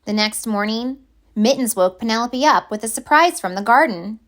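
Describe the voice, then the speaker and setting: A woman with a voice on the high side reads a children's picture book aloud, telling the story expressively and deliberately.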